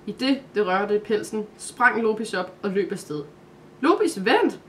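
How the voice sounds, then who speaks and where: A woman narrating a Christmas calendar story aloud, in a calm, steady way. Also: medium pitch, slight background noise.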